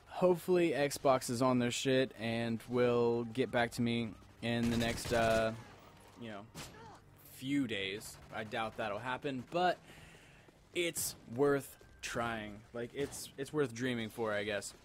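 A man's voice: medium pitch, takes it slowly, a little hiss or hum. A tipsy man doing casual game commentary, rambling and repeating himself as he talks to his viewers. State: tipsy from alcohol. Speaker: gamer commentator.

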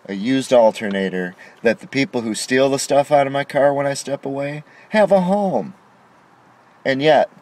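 A man's voice: on the low side, darkish tone. A middle-aged man venting to camera from inside a parked car at night, aggrieved and indignant, pressing hard on his complaints. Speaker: vlogger. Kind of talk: frustrated monologue to camera. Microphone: camera on dashboard facing him.

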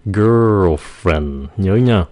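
A man teaching an English vocabulary lesson in Vietnamese. He mixes English words into his explanations and stretches words out slowly to show how they are pronounced. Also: low voice, expressive, darkish tone. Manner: slow, drawn-out demonstration of English pronunciation.

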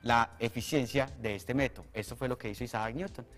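A man's voice: medium pitch, a little fast, in a large hall, music in the background. A man, a math teacher, explaining a method step by step on a televised lesson. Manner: explanatory, steady, asks for agreement.

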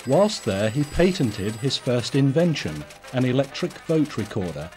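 A man narrates a documentary in a measured, steady telling. His pitch rises and falls with lively movement, and soft music sits faintly underneath. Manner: measured, even storytelling. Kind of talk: scripted narration.

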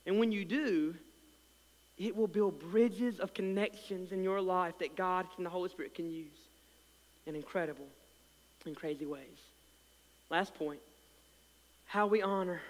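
A man preaching in a church sanctuary, his voice sitting high for a man and carrying a slight lisp. He surges loud with passion, then drops almost to a murmur, stacking repeated words as he builds. A long reverb trails every phrase. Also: a little slow, long pauses. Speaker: pastor. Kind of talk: sermon.

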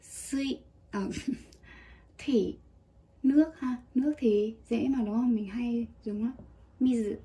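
Woman, very breathy, kinda mellow, chatty kanji lesson. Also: a little high. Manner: chatty, relaxed, with small laughs. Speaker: Japanese teacher.

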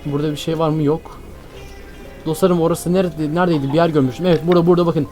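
A man's voice: fairly high pitch, fairly even intonation, rapid-fire, warm tone, faint music behind. A man giving frantic gameplay commentary, repeating himself and talking straight to his viewers as friends. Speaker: Minecraft gameplay streamer.

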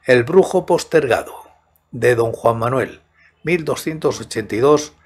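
A man in his sixties narrating a scripted story in a measured, soft-spoken way, close to a studio microphone. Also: medium pitch, faint music behind. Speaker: host and narrator of horror audiobook channel. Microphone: large studio microphone close to the mouth, headphones.

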